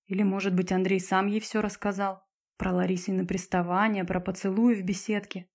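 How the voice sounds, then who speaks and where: A woman narrating a novel as an audiobook. Her reading is measured and even. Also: medium pitch.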